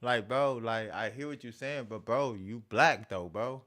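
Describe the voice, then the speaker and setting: A man hosting an animated commentary rant, repeating himself emphatically with profanity and mocking asides. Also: mid-range voice, a little slow. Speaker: show host.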